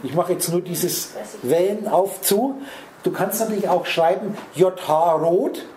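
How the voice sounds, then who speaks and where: A man's voice: high voice, a little slow, a little mellow, reverberant, low-quality recording. A man giving a spiritual lecture, rambling and speaking straight to his listeners with lots of wordplay. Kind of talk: spiritual lecture to a small audience. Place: lecture room.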